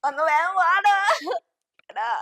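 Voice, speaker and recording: A woman's voice: very high-pitched, lively intonation, slow, pushed and bright, heavily acted. A woman playing a frantic young wife, crying and pleading for help in a short film. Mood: panicked sobbing. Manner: pleading, repeating urgent calls for help. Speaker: wife who panics after her lover is found dead.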